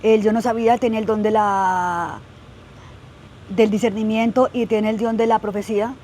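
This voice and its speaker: A woman's voice: medium pitch, steady tone, normal speed, warm tone, slight background noise. A young woman telling her personal story in a podcast interview, earnest and full of "eh" and "pues" fillers. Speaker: guest sharing her testimony.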